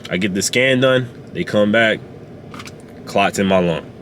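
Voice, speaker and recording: A man sharing a personal testimony in a car, speaking haltingly with many fillers and restarts. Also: fairly low pitch, a bit bright, a little hiss or hum. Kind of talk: emotional personal storytelling. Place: inside a parked car.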